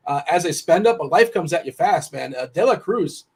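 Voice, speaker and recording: A young man with a higher, animated and husky voice chats casually about sports betting, breaking down his fantasy baseball picks. He rambles, corrects himself and throws in quick asides.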